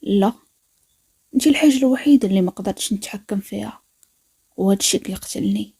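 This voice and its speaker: A woman with a Moroccan accent voicing a possessive, menacing male mafia boss in a storybook, speaking low, quiet and controlling. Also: fast, gravelly, breathy edge. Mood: brooding.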